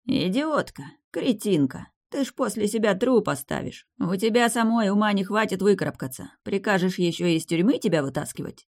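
A woman's voice: mid-range voice, lively intonation, normal speed, hardly any pauses, voice pushed up. A woman voicing a ruthless scheming man who talks harshly through clenched teeth. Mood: harsh commanding. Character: ruthless scheming older male killer, hissing and gruff.

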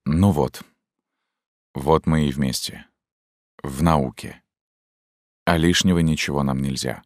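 A man reading an audiobook voices a weary, secretive middle-aged male scientist, talking quietly, slowly and with resignation. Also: rumbling low, no room sound. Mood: resigned. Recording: dry close studio sound.

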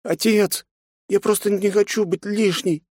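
A man voicing a hurt teenage girl who pleads with her father in a high, tearful voice. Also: fairly even intonation, unhurried, a little mellow, slightly rough, dry recording, studio quality. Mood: pleading.

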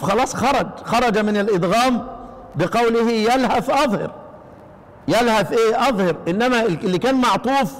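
A man with an Egyptian accent teaching the readings of a recitation poem. He keeps quizzing his listeners with repeated questions and chants the verses slowly. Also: high voice, long reverb tail. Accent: Egyptian Arabic. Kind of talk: explaining a recitation poem to students.

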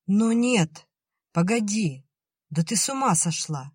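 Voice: mid-range voice, a little slow, a little mellow, breathy edge, no echo. An anxious, emotional elder sister, voiced by an audiobook reader. She exclaims with agitation and worry. The sound is dry and close. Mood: agitated. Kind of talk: audiobook character reading.

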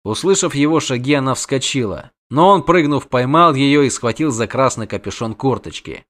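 A man narrating a fantasy novel in an even, measured storytelling voice. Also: mid-range voice. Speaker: audiobook narrator.

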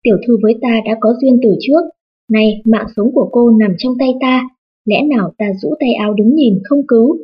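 A woman voicing an old, lame Taoist nun who scorns the family with mocking calm, in a storybook reading. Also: on the high side, fairly quick, slightly rough, lo-fi sound. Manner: scornful, laughing at others.

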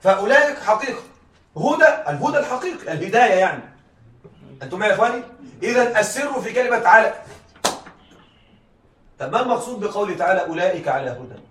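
A man lectures on rhetoric in an echoey classroom, picked up by a distant mic with faint hiss, repeatedly checking whether his students are following. His voice sits high and a bit bright, sing-song and fast, with long pauses.

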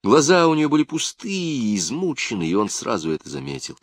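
A man narrating a novel in a measured, even storytelling voice. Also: mid-range voice, no room sound, clean studio sound. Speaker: audiobook narrator. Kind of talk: scripted narration.

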